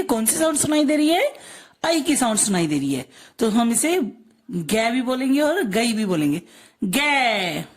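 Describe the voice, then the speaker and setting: A woman teacher giving a slow, patient lesson to children. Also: fairly high pitch. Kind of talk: online class lesson.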